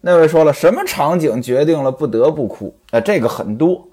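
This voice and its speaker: A man's voice: fairly high pitch, lively intonation, a little fast, mellow, breathy edge. A man telling a traditional story with commentary and chatty asides to the listener.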